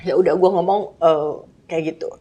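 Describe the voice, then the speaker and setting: A woman's voice: lowish voice, fairly even intonation, moderate pace, warm tone, husky. A woman, casually telling a personal story and acting out dialogue with her child.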